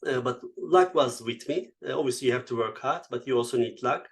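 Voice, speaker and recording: A man's voice: mid-range voice, fairly quick. Turkish-accented man telling his career story. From Turkey. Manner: reflective, non-native grammar, frequent uh fillers. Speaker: guest speaker. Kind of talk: conversational interview answers.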